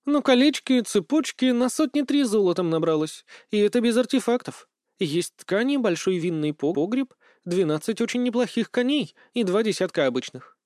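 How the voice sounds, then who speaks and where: A man reading aloud voices a bold, sharp-tongued young wife with a brash, teasing manner. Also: high-pitched, lively intonation, normal speed, no room sound, studio quality, pitched above the performer's own voice. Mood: scolding.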